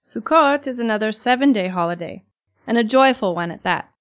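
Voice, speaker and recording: A woman with a somewhat high voice co-hosts a scripted educational podcast. She asks friendly, curious questions and adds short remarks of her own. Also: expressive, fairly quick, clean tone. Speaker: podcast co-host.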